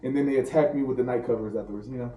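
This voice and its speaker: A man from St. Louis chats as a podcast guest, loose and slangy, laughing through his stories. His voice is very dark and mellow, at an ordinary pitch. He sits back from the mic in a roomy, echoing space with faint ambience. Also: very fast, far from the mic. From St. Louis, Missouri. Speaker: private chef guest. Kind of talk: casual podcast chat.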